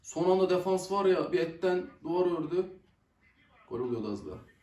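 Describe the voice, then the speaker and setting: Young male reaction host, high voice, excitable, echoey room, somewhat off-mic. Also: a little fast, distant mic. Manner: excitable, swears and groans at missed chances. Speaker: football reaction video host. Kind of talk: casual live match reaction.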